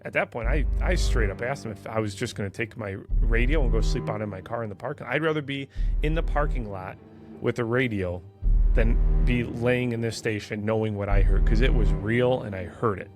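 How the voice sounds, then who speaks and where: A man telling a personal ghost story in an earnest, halting way with frequent restarts. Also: mid-range voice, music in the background. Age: 20s. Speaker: firefighter guest.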